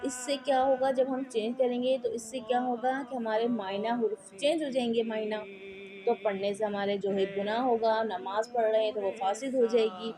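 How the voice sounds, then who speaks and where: A woman with a fairly high, steady voice at normal speed teaches Quran reading patiently, explaining as she goes. She repeats every point and keeps checking that her students are following. It's a slow, explanatory lesson with spelled-out drills.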